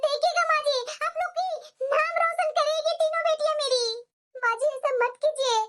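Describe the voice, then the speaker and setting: A woman voicing a meek young daughter-in-law in a cartoon, who speaks gently and pleads. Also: extremely high pitch, fairly even intonation, normal speed. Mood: pleading.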